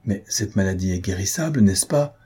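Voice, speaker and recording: A man's voice: deep voice, animated, normal speed, warm tone, husky, exaggerated voice. A man voicing an anxious young woman, a devoted daughter, in a pleading, rising tone. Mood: resolute.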